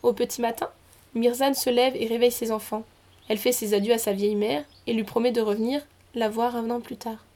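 Give me a woman narrating a folk tale in a gravelly, even voice. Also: on the high side. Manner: measured narration. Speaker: storyteller. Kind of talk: reading a folk tale aloud.

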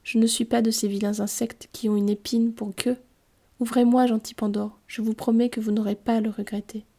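A woman voicing a tiny, kindly winged fairy who speaks softly and coaxingly in a storybook reading. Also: fairly high pitch, flat delivery, a little fast. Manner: soft, coaxing and consoling.

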